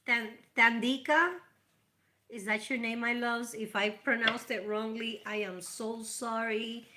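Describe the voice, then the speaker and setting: With a Puerto Rican accent and Spanish as her native language, this channel host leads a relaxed live tarot reading, giving spiritual advice and addressing viewers in a chatty, affectionate way. Her voice is fairly high and sharp-toned, with fairly even intonation and an unhurried pace.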